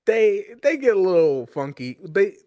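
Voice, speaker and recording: A man's voice: high voice, sing-song, unhurried, mellow, dry recording. A young man co-hosting a podcast, chatting casually and teasing his sibling in a persuasive way. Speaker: podcast co-host. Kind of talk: casual chat.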